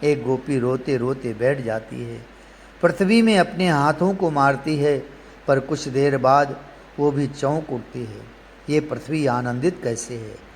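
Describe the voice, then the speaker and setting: A man preaching a devotional story in a measured, emotive way, often addressing the listener directly. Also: medium pitch. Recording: long hall reverb, faint background noise.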